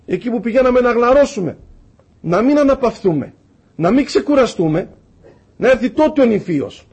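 Guy preaching a sermon, kinda husky, high voice, tells stories with lots of feeling. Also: animated, a little mellow, lo-fi sound. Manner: impassioned, acts out dialogue in stories.

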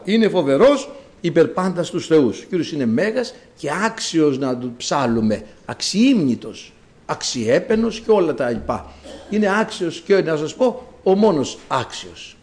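A man preaching a sermon as a priest, with dramatic rises and drawn-out words. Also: a little high, darkish tone.

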